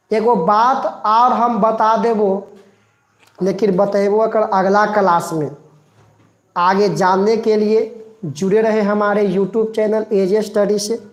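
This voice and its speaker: A male teacher gives a live online class, drilling a rule by repeating it and coaxing students by name to recite along. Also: high voice. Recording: echoey room.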